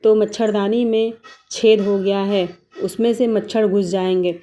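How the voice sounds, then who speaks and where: A woman's voice: medium pitch, little pitch movement, a little slow, warm tone, close to an everyday voice. Woman playing a fretful young daughter-in-law, Payal. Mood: pleading. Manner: pleading, fretful.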